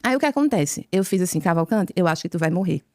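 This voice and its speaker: Fast-talking Brazilian woman telling her story. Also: lowish voice, no room sound, studio quality. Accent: Brazilian Portuguese. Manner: lively storyteller who acts out dialogue. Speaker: podcast guest. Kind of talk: conversion testimony told as a story.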